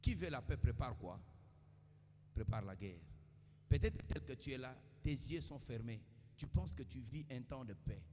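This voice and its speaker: Man, pastor, call-and-response sermon, shouting then hushed, echoing church, faint hum. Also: mid-range voice, expressive, normal speed. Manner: call-and-response preaching, swinging from quiet asides to shouts.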